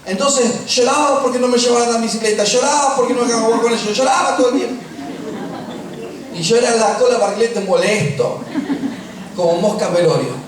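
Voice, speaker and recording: A middle-aged man with an Argentine accent preaching a sermon, telling personal stories with humor and slowing down for emphasis. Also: very high voice. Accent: Argentine Spanish. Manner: humorous storytelling, slows for emphasis. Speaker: pastor. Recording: echoey room, distant mic, faint noise.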